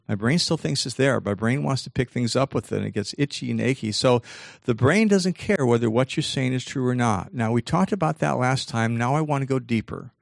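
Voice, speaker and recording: An older man gives an animated motivational talk in a gravelly voice, slowing down to stress the points that matter. He acts out the voices he quotes with sudden leaps in pitch. The recording is dry and close, with no room sound. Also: dry recording. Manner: slows down to stress key points. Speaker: speaker giving a talk on self-talk.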